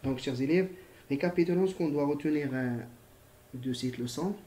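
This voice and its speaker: A fairly high-pitched man with a dark tone teaches grammar to primary pupils in a recorded lesson. Patient and repetitive, he spells out letters and fills gaps with hesitations, and the room echoes.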